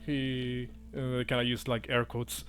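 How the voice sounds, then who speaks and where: A man with a mid-pitched voice works as game master, improvising narration casually and hesitantly. Faint music plays behind him. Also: steady tone, normal speed, fairly bright tone.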